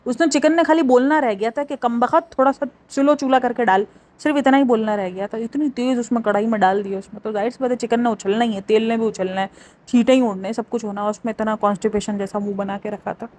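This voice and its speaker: A woman's voice: a little high, quick pace, a little mellow. Chatty, mocking young woman vlogger. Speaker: vlogger reviewing a family's vlogs. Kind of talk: casual gossip commentary.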